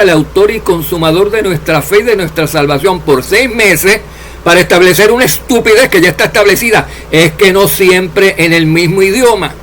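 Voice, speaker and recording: A man preaching a sermon, addressing his listeners directly and letting his voice drop low and soft at the ends of phrases. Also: a little hiss or hum. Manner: addresses listeners as dear servants, drops voice at endings.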